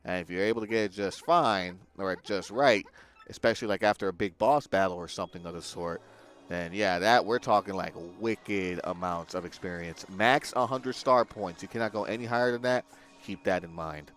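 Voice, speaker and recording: A man's voice: low-pitched, moderate pace, fairly bright tone, smooth. A man giving casual let's-play commentary as he hosts a gaming video.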